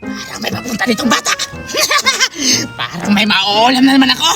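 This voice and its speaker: A woman's voice: on the high side, lively intonation, moderate pace. A woman voicing a sly, hungry sea monster that lures children, cackling and scheming. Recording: loud background music.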